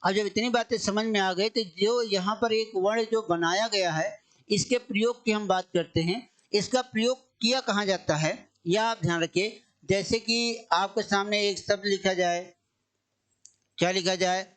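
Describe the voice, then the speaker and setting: Male coaching teacher, high clear voice, drills points with self-answered questions and slow repetition. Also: a bit bright. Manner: asks the class questions and answers them himself; repeats key phrases, drawing words out slowly. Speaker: Hindi teacher. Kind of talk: exam-coaching grammar lesson.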